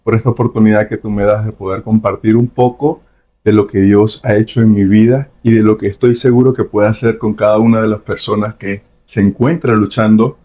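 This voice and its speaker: A young Venezuelan man with a Venezuelan Spanish accent shares a personal testimony as a podcast guest, earnest and reflective, often pausing and hedging. His voice is on the low side, dark, with little pitch movement.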